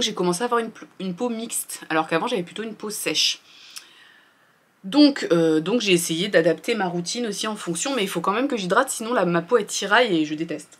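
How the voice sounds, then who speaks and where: A woman's voice: mid-range voice, fairly bright tone. A woman, chatting casually through her skincare routine in a candid, rambling way with lots of fillers. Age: 30s. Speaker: beauty vlogger.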